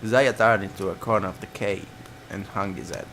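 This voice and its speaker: A man with a lowish voice reads a visual novel aloud fairly quickly as a let's player. His narration is dramatic, broken up by casual asides, with guitar music playing behind him.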